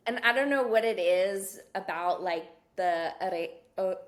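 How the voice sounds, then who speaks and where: A woman from California speaks as a guest on a podcast. She talks like a professor chatting with a friend, rambling a little and peppering her sentences with "like" and "right?". Her voice sits at an ordinary middle pitch. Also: measured pace. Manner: chatty and digressive, full of "like" and "you know, right?". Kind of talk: casual podcast conversation.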